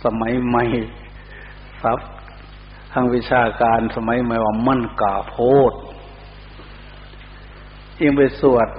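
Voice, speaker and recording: Middle-aged Isan monk, slow, deliberate delivery, chant demos, reverberant hall. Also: male voice, medium pitch. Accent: Isan (northeastern Thai). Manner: unhurried, breaks into Pali chanting to demonstrate. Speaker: Buddhist monk teaching chanting. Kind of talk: sermon with chanting demonstrations. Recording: dull lo-fi hall recording with faint hum.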